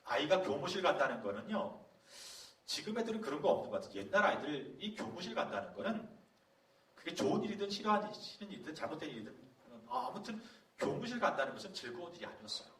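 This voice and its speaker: Animated man preaching in a roomy hall. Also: fairly high pitch, fast talker. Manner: animated storytelling, acting out quoted voices. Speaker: pastor. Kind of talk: sermon-style talk at a youth leaders' camp. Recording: roomy hall from a distance, faint background noise.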